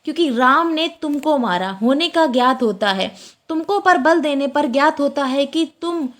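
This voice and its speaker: A woman with a high voice gives an exam-prep lecture. She repeats each point slowly, then asks her own questions and answers them. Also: expressive. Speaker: teacher.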